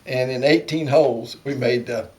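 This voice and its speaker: An older man speaks with an Appalachian Southern accent at a middling pitch. He reminisces casually, like someone among old friends, in folksy, rambling anecdotes. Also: moderate pace, darkish tone. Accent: Appalachian Southern American. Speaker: storyteller sharing family memories.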